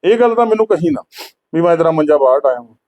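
A man's voice: on the high side, animated, fast talker, a little mellow, lo-fi sound, lightly acted. A man from Punjab playing a devoted, hot-tempered younger brother who is protective and tender with his sick brother but scolds his wife harshly.

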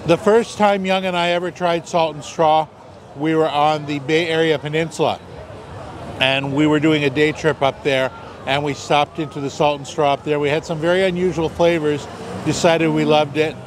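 A man hosting a food vlog, calmly explaining each dish step by step in casual commentary, on a busy street. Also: fairly high pitch, moderate pace. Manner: easygoing, explains dishes step by step. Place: outdoors on a busy city street. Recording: busy crowd noise outdoors. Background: crowd chatter and passing traffic.

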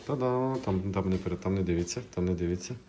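Deep-voiced man vlogging a mic test. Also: monotone, racing, mellow, slight background noise. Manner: rambling, thinking aloud, repeated test counts. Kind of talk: casual solo vlog, testing a microphone. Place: at home, later in a kitchen. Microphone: clip-on microphone under test.

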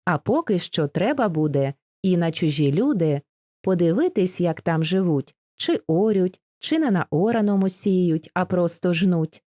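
An old Cossack father speaking in a homely, instructive way, read by a woman. The voice sits low and mellow, close and dry, with no room around it. It sounds like a storybook audiobook. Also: expressive, moderate pace, no room sound, natural voice. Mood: advising. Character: old male Cossack father, wise and steady.

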